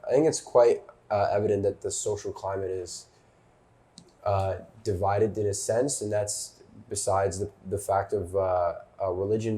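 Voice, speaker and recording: A man of twenty-three speaking as a panelist in a casual discussion, halting with frequent restarts and fillers. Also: deep voice, warm tone.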